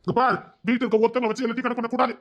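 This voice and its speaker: A man's voice: very high-pitched, level tone, rapid-fire, lo-fi sound. An actor playing a cheeky young village man who teases and argues his way through courting the woman he loves. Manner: teasing, bantering, swings into shouting. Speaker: actor in a short romance drama. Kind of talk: dramatic village romance acting.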